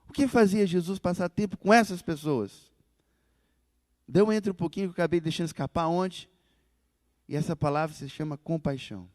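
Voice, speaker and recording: A man preaching a sermon in a church, telling the story with animated delivery and acting out the quoted voices. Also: a little high, brisk, pauses often, no echo, in a large hall.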